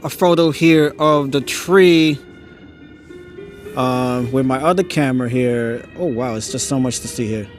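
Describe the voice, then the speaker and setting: Soft music plays behind a man who speaks a little slowly in a medium-pitched voice while live-streaming holiday lights on a nighttime neighborhood street. Sounding amazed, he chuckles a lot and sometimes stammers through his casual commentary, recorded on a gimbal-mounted phone.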